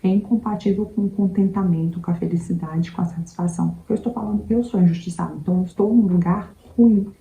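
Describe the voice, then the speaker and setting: A woman's voice: on the low side, steady tone, fast, vocal fry, hardly any pauses, dark tone, reverberant, rough recording. A woman host giving a conversational motivational talk, often checking in with the listener. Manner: conversational, repeats "entende?" to the listener. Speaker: self-help video host.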